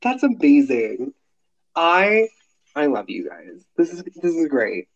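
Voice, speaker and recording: A man's voice: on the high side, sing-song, takes it slowly, creaky, lo-fi sound. A man in his late twenties co-hosting a casual podcast, rambling and restarting sentences with plenty of enthusiasm. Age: late 20s. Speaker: podcast co-host.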